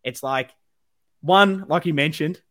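Here the Australian football podcast host, broad accent and all, speaks slowly in a rather high, sharp-toned voice. He rambles, swears and drives his points home with fervour.

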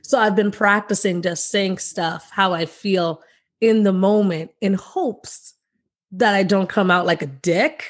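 Young woman cohost, mid-pitch, blunt and frank, swears freely. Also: unhurried. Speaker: podcast co-host. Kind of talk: casual chat.

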